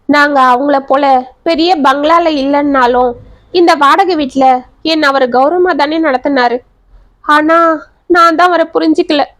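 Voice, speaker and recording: A woman reads a domestic drama aloud in a high, clear voice. She voices each character herself, lifting her tone for the emotional lines. The recording is dry and close. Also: normal speed, a bit bright, no room sound. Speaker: storyteller. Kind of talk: scripted story narration with dialogue.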